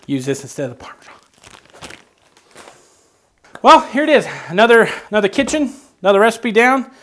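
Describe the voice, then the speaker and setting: A man's voice: sits high, sing-song, fast talker, a bit bright. A man hosting a casual cooking show from a home kitchen, explaining each step with joking asides. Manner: chatty, joking asides while explaining steps.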